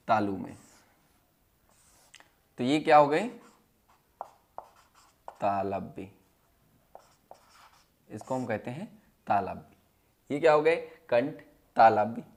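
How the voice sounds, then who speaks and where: A man teaching a Hindi class, asking questions and repeating the answers in a steady drill, his voice dropping low and quiet on each answer. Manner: drops to a low, quiet voice when giving the answers. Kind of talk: classroom lesson.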